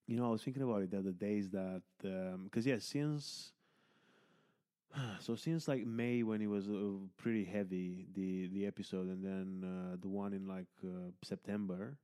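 The host of this podcast has a low, dark voice that is steady, clear and resonant, delivered at normal speed. He chats candidly and casually, rambling with fillers and restarts and swearing now and then.

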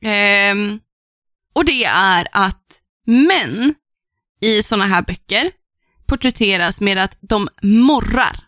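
A woman's voice: mid-range voice, lively intonation, fairly bright tone, dry recording, studio quality. A young woman, swearing freely and ranting with exasperation as she chats about books on a podcast. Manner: profane, exasperated ranting with laughter. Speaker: podcast co-host. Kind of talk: casual chat about books.

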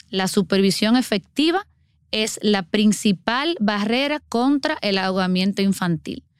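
A woman's voice: mid-range voice, clear, resonant tone, no room sound, clean studio sound. A middle-aged woman, earnestly explaining child water safety as a guest on a podcast. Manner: earnest, explanatory, acts out everyday scenes.

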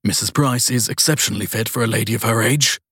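A man doing a calm, courteous chauffeur. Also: fairly low pitch, fast, slightly rough, dry recording, studio quality. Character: calm, polite male chauffeur, unflappable.

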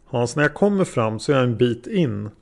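A man's voice: medium pitch, big pitch swings, gravelly, a little mellow. Man reading as hesitant taxi driver witness. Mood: calm. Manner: hesitant, plain-spoken answers.

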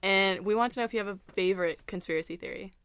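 A woman's voice: mid-range voice, racing, fairly bright tone, slight background noise. A woman co-host in a casual chat, upbeat and steering the talk with questions.

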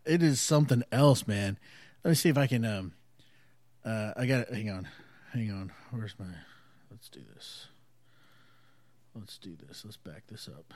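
On this casual solo podcast, recorded at home near an open window, a man talks in a lowish, slightly mellow voice, a little slow and with frequent pauses. His rambling, relaxed chat is dotted with fillers and chuckles, and there's no room sound.

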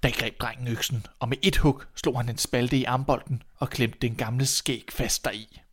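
A man narrating a fairy tale in a calm, measured storybook reading. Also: mid-range voice.

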